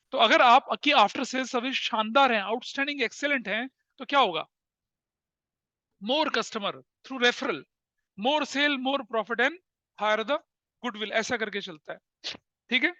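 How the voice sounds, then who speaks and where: A commerce teacher with a very high, bright voice lectures a class, switching between Hindi and English, telling lively anecdotes and laughing at them himself. The sound is dry and slightly dull, like a lo-fi classroom recording with no room sound.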